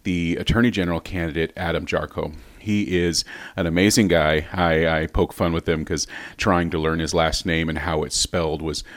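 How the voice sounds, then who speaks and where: A man's voice: sits low, fairly even intonation, normal speed, no room sound. A podcast host from the South, upbeat and joking as he interviews a guest. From Southern United States. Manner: upbeat, joking, self-promoting.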